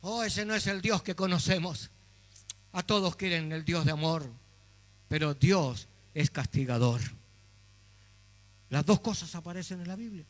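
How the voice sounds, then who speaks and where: A male pastor delivering a sermon, preaching dramatically and swinging from soft, quiet passages to loud exclamations. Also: high-pitched, a little slow, long pauses. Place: church hall. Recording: echoey hall with mains hum.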